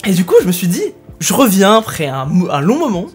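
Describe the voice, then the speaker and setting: A man's voice: sits high, sing-song, fairly quick, husky, soft background music. A young man chatting casually to his viewers, self-mocking and hesitant with many fillers. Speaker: youtuber. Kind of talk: casual vlog talk to viewers.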